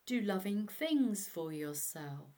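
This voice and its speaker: Slow-paced woman guiding a meditation. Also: mid-range voice, very animated, dark tone. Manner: slow, measured, instructional delivery. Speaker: meditation guide. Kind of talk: guided meditation narration.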